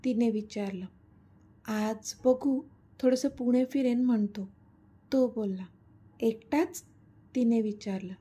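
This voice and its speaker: Woman reading a love story out loud, really dark mellow tone, a bit husky, does all the dialogue herself. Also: on the high side, unhurried, long pauses. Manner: reads all characters' lines in her own voice. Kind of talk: scripted story narration with voiced dialogue.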